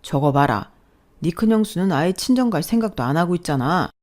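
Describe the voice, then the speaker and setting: A woman's voice: fairly low pitch, animated, a little fast, a little mellow, lightly acted. A woman voicing an older mother-in-law in a radio drama, harsh and commanding as she scolds her family. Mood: domineering.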